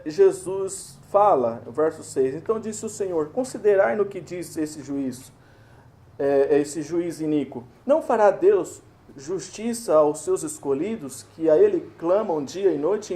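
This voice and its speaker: A man's voice: sits high, animated, measured pace, warm tone, reverberant. A man with a Brazilian Portuguese accent preaching a sermon in a church, talking to the congregation in a conversational way and often asking rhetorical questions. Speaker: pastor. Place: church sanctuary.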